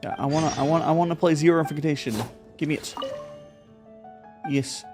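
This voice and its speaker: A streamer chats casually during a card game, thinking aloud in live gameplay commentary packed with fillers and repeated words. The voice is mid-range and fairly even in intonation, the pace brisk, and music plays in the background.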